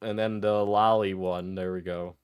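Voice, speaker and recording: A man's voice: low-pitched, flat delivery, moderate pace, clean tone, no room sound, studio quality. A man giving casual, rambling live stream commentary, with some swearing, as he reacts to videos.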